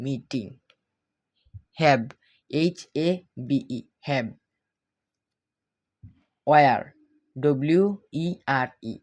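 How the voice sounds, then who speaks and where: Slow, drilling language teacher. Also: mid-range voice, a little mellow. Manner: spells words out letter by letter and quizzes viewers; repetitive, drilling pronunciation. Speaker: English teacher. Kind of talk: spoken language lesson.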